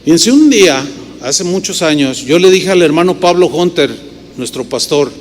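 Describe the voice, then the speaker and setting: A man's voice: on the high side, normal speed. A middle-aged man with a Mexican accent, preaching a sermon as pastor and telling stories with rhetorical questions. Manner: animated storytelling with rhetorical questions. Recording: reverberant hall with faint noise.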